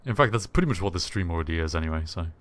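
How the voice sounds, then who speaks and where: A man's voice: low-pitched, expressive. A British man hosting a live game stream, chatting casually and joking around. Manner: jokey, quick to laugh. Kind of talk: casual live-stream chat while playing.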